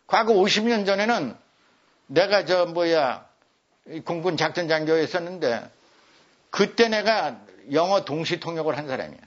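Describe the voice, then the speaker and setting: A man's voice: fairly high pitch, expressive, moderate pace. An older man giving a lecture, repeating words for emphasis. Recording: dull lo-fi recording.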